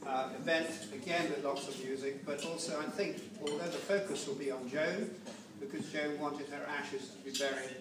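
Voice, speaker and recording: An older man giving an informal, unscripted eulogy to a gathering, halting and digressive as he goes. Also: fairly high pitch, fairly even intonation. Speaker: family member giving a speech at a memorial gathering. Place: large echoey room with a gathering. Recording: roomy, distant recording with background noise.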